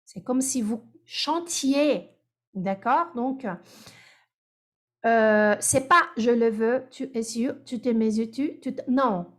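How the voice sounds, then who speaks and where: A woman teaches French over a video call. She speaks slowly, drawing phrases out syllable by syllable so her students can copy the rhythm. Her voice sits a little higher than most. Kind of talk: online class drills.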